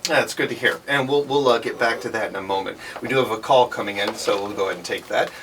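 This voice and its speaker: Give me a smooth radio host, a man talking fast. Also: on the low side, fairly bright tone, distant mic, slight background noise. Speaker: radio talk show host.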